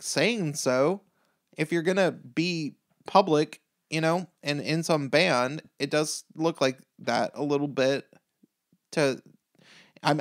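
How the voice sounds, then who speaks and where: Androgynous mid voice, ranty vlogger, blunt n sweary, kinda rambly and sarcastic. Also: medium pitch. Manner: sardonic, exasperated, blunt, sweary. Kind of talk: casual opinionated rant to viewers.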